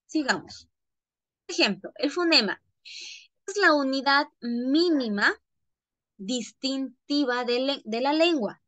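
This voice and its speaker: A woman teacher, pitched high and speaking at an unhurried pace. She explains step by step and keeps checking that her students follow. The recording is dry and close, with no room sound. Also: animated, fairly bright tone, no room sound. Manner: checks in often with "¿ya?"; addresses students as "chicos". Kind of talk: online classroom lesson.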